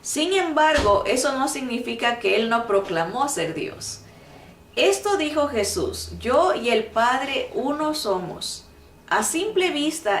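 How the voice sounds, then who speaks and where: Woman giving a bible lesson, slow and earnest, kinda far from the mic in a roomy echoey space. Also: on the high side, slight background noise. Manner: earnest, emphatic, repeats points. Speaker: Bible teacher. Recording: echoey room, mic at a distance.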